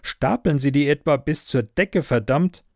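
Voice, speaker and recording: A man's voice: fairly high pitch, unhurried, gravelly, dry recording, studio quality. A man voicing a blunt, sarcastic young woman in an audiobook. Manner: sharp, sarcastic remarks. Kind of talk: audiobook character voice.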